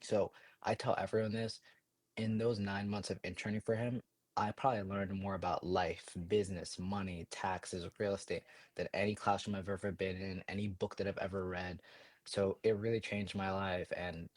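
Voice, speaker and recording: A young man in his twenties tells his story as a podcast guest, quick and energetic with plenty of fillers. His voice sits very low and stays flat in pitch. The sound is dry and close, with no room echo. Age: 20s. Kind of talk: casual storytelling.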